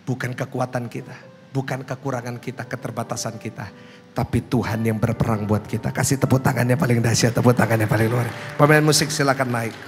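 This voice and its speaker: A man preaching a lively sermon, joking with the congregation in casual speech and building to loud calls for applause. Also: medium pitch. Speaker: pastor. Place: large church hall. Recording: long church hall reverb.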